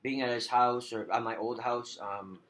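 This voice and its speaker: A man playing the client in a role-played telephone counselling conversation, talking haltingly with many fillers. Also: mid-range voice, fairly even intonation, a bit bright. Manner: halting, hesitant, heavy use of filler 'like'.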